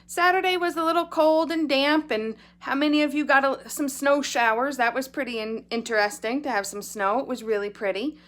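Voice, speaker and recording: A woman's voice: high-pitched, a little fast, hardly any pauses, a bit bright. A woman speaking as a school principal, giving an earnest, upbeat morning address to children and their families. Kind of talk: morning announcement video address to pupils and parents.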